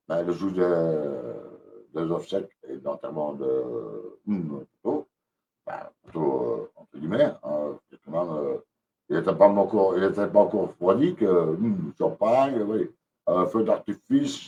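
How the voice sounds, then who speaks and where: A man's voice: low voice, expressive, a little slow, warm tone, recorded from a distance, muffled recording, a little hiss or hum. A man ranting angrily on a live stream, repeating himself and hesitating often. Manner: agitated, repetitive, many hesitations. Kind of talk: angry live-stream rant.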